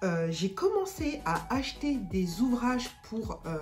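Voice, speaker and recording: A woman's voice: fairly high pitch, big pitch swings, measured pace, faint music behind. A woman vlogger chatting casually through an unboxing, hesitant with many fillers and restarts. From France.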